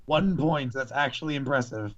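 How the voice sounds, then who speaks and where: A man's voice: medium pitch, moderate pace, lo-fi sound. A man playing an officer in a casual tabletop game, joking with playful in-character asides. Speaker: player voicing a servant officer. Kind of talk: casual tabletop role-play.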